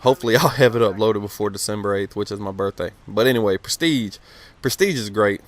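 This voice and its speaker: Outside his house in the cold, a man in his late twenties with a lowish voice talks fast through some gameplay, rambling casually and swearing freely. He's chilled and a bit stuttery, and his commentary is packed with fillers.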